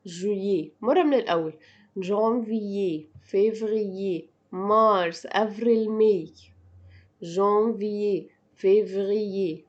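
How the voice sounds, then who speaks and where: Woman drilling words slowly, Egyptian accent. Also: medium pitch, highs cut off. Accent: Egyptian Arabic. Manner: repeats words slowly and clearly for practice. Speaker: French teacher. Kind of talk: slow drilling language lesson.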